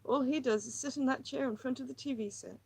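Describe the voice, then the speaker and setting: A frantic, wounded housewife pours out her grievances in a high, climbing voice, as a woman reading the story puts her on. She rambles and pleads, pushing harder than the calm narration around her. A troubled figure from an audiobook. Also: quick pace, creaky, slightly rough, exaggerated voice. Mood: agitated.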